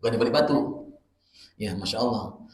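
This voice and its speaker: A man preaching a casual dawn study sermon, swinging from soft asides to loud exclamations. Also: fairly low pitch, moderate pace, noisy background. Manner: animated storytelling with acted-out quotes. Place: prayer room. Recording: echoey prayer room.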